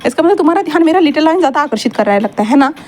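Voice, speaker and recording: A woman voicing a calm, teasing young man who dotes on his partner. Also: high-pitched, racing. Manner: playful, teasing.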